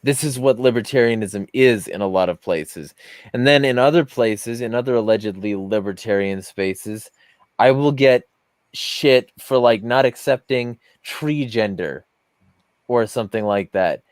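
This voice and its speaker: A man's voice: medium pitch, measured pace, dry recording. Blunt sweary guy ranting on a podcast, dry close sound. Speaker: podcast host. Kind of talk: heated casual chat.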